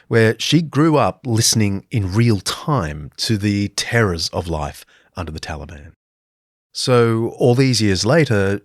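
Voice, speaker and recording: A man hosting the show, reading a scripted introduction and asking interview questions in a measured, earnest way. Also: fairly low pitch, no room sound, studio quality. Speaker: host.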